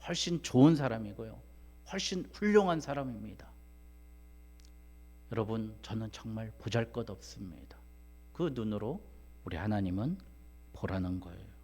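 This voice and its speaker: A man preaching a sermon, swinging from loud emphatic rises to hushed, almost whispered asides and firing rhetorical questions at the congregation. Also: on the low side, lively intonation, normal speed, long pauses. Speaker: pastor.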